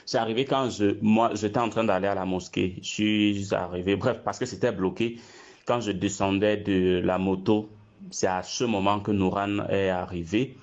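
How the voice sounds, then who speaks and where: A man with a Cameroonian accent recounts events as an eyewitness in informal spoken style. His voice sits a little low, and he circles back over phrases to stress them. The recording is dull and slightly muffled. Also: a little mellow.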